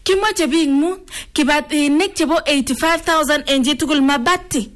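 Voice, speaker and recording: A woman's voice: sits high, moderate pace. A Kenyan woman hosting a live radio giveaway, exclaiming and repeating herself as she switches between languages. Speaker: radio host.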